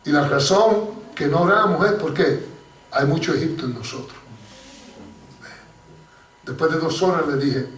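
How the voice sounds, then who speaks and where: A man preaching a sermon as pastor, telling a story and often calling to his listeners as brothers. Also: on the high side. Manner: animated preaching, addressing listeners as hermano. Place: church hall. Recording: echoey church recording from far off.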